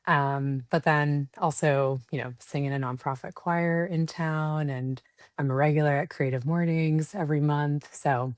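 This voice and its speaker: A woman's voice: deep voice, fairly even intonation, a little slow, a little mellow, no room sound, clean studio sound. A woman in her thirties, a podcast guest speaking reflectively with many fillers. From United States. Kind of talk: podcast interview.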